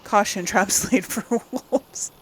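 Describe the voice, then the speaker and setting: On her gaming channel, a woman plays through a game in a casual let's-play, chatting and thinking aloud. She speaks slowly in a mid-range, fairly bright voice, and the low-quality recording has a little hiss or hum.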